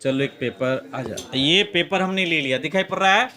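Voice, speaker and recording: Male physics teacher, Bihari Hindi accent, high and bright, coaxing a classroom to repeat terms. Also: normal speed, slight background noise. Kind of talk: classroom lecture with demonstration. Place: classroom with students.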